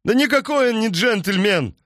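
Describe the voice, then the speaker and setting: A bellowing, furious peasant farmer. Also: male voice, high-pitched, expressive, normal speed, fairly bright tone, dry recording, clean studio sound, pitched above the performer's own voice. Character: furious burly peasant farmer, loud and indignant.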